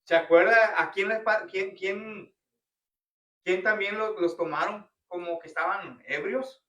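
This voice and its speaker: A man's voice: high-pitched, unhurried, a bit bright. A man leading a church Bible study, asking the congregation questions and calling them "brothers" often. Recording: roomy church hall, picked up from a distance.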